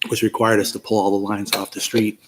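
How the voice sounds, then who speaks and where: A man's voice: on the low side, flat delivery, brisk. A man, a town IT director, methodically walking a committee through budget line items with frequent ums, in a meeting recording with faint noise.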